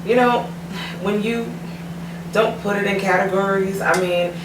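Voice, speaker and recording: A woman's voice: medium pitch, steady tone, unhurried. A woman co-hosting a casual podcast chat, blunt and tipsy, laughing and swearing freely. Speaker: podcast co-host. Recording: echoey room, mic far off, faint noise.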